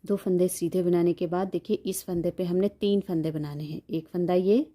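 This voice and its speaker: A woman's voice: fairly low pitch, steady tone, moderate pace, dark tone. A woman giving a step-by-step knitting tutorial, patiently counting stitches aloud and repeating each instruction.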